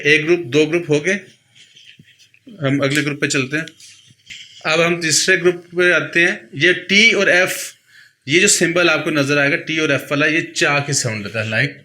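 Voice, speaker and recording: Bright-voiced man teaching sounds. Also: a little high, a little hiss or hum. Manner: patient, repeats each sound slowly for the learner. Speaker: pronunciation teacher. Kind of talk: explaining a lesson.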